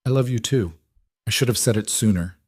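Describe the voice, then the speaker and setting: A man's voice: lowish voice, brisk, slightly rough, no room sound, studio quality. A man voicing a worn-out, guilt-ridden young man who speaks in a strained, tearful way in a dramatic story reading. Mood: tender.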